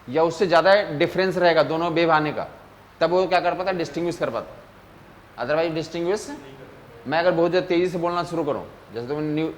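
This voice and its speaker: Man lecturing physics, higher pitch. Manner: keeps asking students if they follow; mixes Hindi with English terms. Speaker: physics teacher. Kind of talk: casual classroom lecture.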